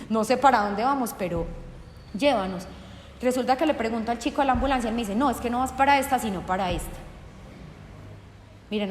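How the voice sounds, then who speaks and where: A woman's voice: a little high, slight background noise. A woman sharing a personal faith testimony with an audience, earnest and acting out remembered conversations. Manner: earnest, acts out remembered dialogue. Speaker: speaker giving a testimony. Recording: echoey hall with long reverb.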